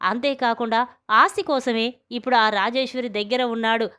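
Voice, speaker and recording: A woman's voice: on the high side, steady tone, a little fast, bright, forceful tone, clean tone. A woman reading as a scornful younger brother. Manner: scornful, accusing.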